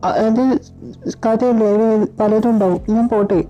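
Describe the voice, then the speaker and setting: A shy young man stammers and pleads, caught between two others, as a woman plays him. The voice stays near her own mellow pitch. This is an audio story drama. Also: steady tone, moderate pace, muffled recording, soft background music, close to an everyday voice. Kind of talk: audio story drama with one reader voicing all roles.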